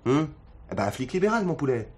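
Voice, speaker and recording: A man's voice: medium pitch, sing-song, fast, a little mellow, husky. An actor playing a defiant militant man under arrest who mocks the police and preaches politics, in 1970s TV drama style. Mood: mocking. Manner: mocking, clowning, preachy.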